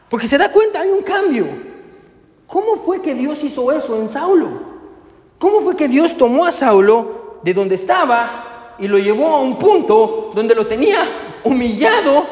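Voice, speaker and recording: A man's voice: very high-pitched, darkish tone. A man preaching a sermon as pastor, emphatic and repetitive, firing question after question at the congregation and calling them brother. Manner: emphatic, repeats questions, addresses listeners as brother. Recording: echoey hall.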